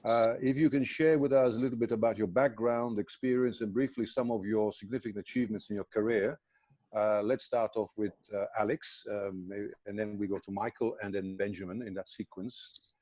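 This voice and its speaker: A man who edits a magazine, hosting a panel webinar and introducing guests in a measured way with frequent hesitations. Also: fairly low pitch, steady tone, warm tone, no room sound. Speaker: magazine editor and webinar host.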